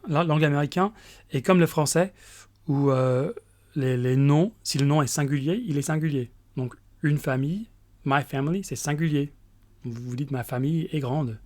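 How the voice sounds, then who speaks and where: A man teaching English grammar in a recorded lesson, explaining step by step with pauses and fillers. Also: mid-range voice, a little mellow.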